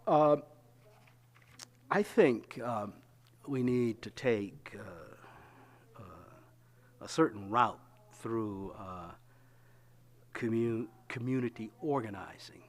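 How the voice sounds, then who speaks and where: A man's voice: on the low side, lively intonation, extremely slow, long pauses. An older man giving a reflective storytelling talk, with wry laughs and frequent hesitations. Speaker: lecturer.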